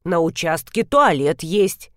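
Woman playing an old village granny, folksy and dryly mocking, unhurried drawl, dry close sound, audiobook character. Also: on the low side, big pitch swings, dry recording. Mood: scolding.

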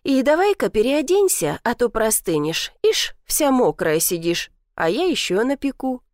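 A woman's voice: a little high, sing-song, moderate pace, a little mellow, no room sound, studio quality. A woman voicing a teasing, doting old village grandmother who talks in a folksy, sly way.

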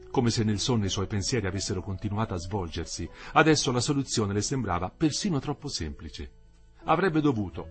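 A man narrating a literary novel as an audiobook reader, expressive and measured. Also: on the low side.

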